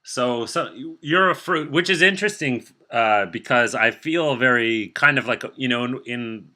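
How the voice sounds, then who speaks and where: A man hosting a podcast interview, talking in a relaxed, chatty way from his kitchen. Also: mid-range voice, moderate pace. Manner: relaxed, chatty, laughs easily. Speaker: podcast host. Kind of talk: casual interview chat.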